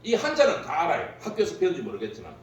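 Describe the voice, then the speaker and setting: Lively, jokey lecturer in an echoey hall. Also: male voice, on the high side, racing. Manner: jokey, laughs at own stories, lively delivery. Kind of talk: humorous workshop lecture. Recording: very echoey hall, distant mic, faint hum.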